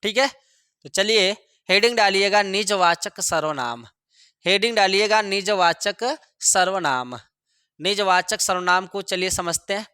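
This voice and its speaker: A male teacher giving a grammar lesson, repeating each example sentence slowly for students to copy. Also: high voice, bright, forceful tone, clean tone, no room sound, studio quality. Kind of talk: classroom lesson.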